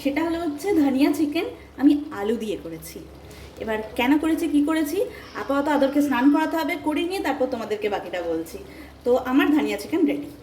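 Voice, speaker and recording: A woman's voice: high-pitched, animated, quick pace, dark tone. A young woman from Kolkata, chatting to viewers in a casual home vlog. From Kolkata, India. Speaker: lifestyle vlogger. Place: home in hot humid weather. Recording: echoey room, noisy background.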